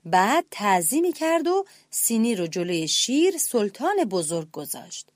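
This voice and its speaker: Animated woman reading a children's story. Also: medium pitch, no echo, studio quality. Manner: expressive, animated.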